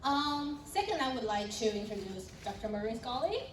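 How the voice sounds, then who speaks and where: A woman's voice: on the high side, very animated, moderate pace. A young adult woman from Taiwan, moderating a panel in a friendly way with fillers and light laughs. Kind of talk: panel introductions and presentation. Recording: roomy sound from a distant mic with background noise.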